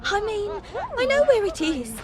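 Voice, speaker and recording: A woman's voice: extremely high pitch, very animated, normal speed, crowd noise. An actress voicing a flustered, eccentric woman in a video game who rambles while searching for her wand.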